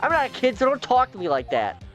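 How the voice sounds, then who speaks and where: A man's voice: very high voice, wildly swooping pitch, fast talker, over music, pitched above the performer's own voice, full character voice. A man voicing a rude, mocking young boy. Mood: bratty. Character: bratty cocky young boy fan.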